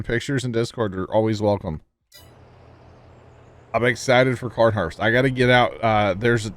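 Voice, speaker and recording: While he plays, a livestreaming gamer jokes around with his viewers in rambling stories, laughing often. His voice sits in the mid-range, and the recording has no room sound.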